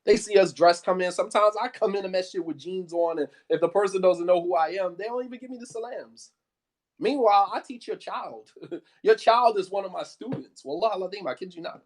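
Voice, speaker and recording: A man's voice: high voice, fairly quick. An American man, an Islamic studies teacher, giving an impassioned, emphatic talk that keeps repeating his points and asking if you follow. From United States. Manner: emphatic, repetitive, peppered with 'you know what I mean'.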